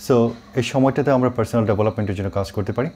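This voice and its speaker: A middle-aged man who teaches English, explaining pronunciation and spelling words out slowly, mixing English words into his talk. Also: on the low side, a little mellow, slight background noise. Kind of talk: online pronunciation lesson.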